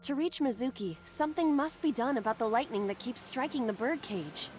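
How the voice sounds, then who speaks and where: A woman's voice: on the high side, expressive, a little mellow, soft background music, close to an everyday voice. Actress as a composed, precise female AI partner. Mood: analytical, composed. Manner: measured, precise, explanatory. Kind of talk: video game voice acting.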